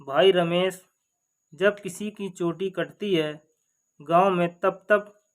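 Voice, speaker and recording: Guy doing a worried village husband from a folk tale, slow and anxious, highish voice.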